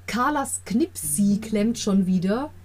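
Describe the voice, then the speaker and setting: A woman talking casually as a podcast host, recapping a radio play episode and slowly reading its quoted lines in a put-on voice, often laughing with enthusiasm. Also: mid-range voice, expressive, a little mellow.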